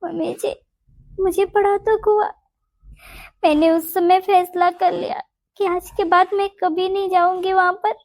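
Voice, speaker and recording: A woman voicing a young, gentle married daughter-in-law in a Hindi cartoon, talking in a soft, pleading way. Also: very high voice, flat delivery, measured pace, no room sound. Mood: hurt. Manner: soft pleading, keeps saying "mummy ji".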